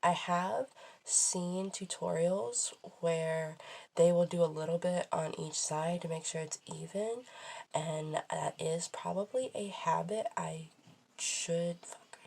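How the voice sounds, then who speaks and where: A woman's voice: lowish voice, takes it slowly, gravelly, darkish tone. A woman talking casually through a makeup tutorial in a rambling, self-deprecating, sweary way. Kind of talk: casual chatty tutorial talk while applying makeup.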